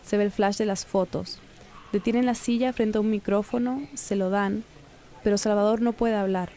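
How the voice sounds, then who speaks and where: Female narrator-reporter, dark mellow voice, steady scripted storytelling. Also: mid-range voice. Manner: calm, measured storytelling.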